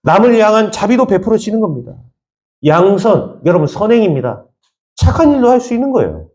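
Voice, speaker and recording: A man's voice: high voice, sing-song, brisk, a little mellow. A man from the Jeolla region of Korea, a pastor preaching a sermon with emphatic repetition and rhetorical questions to the congregation.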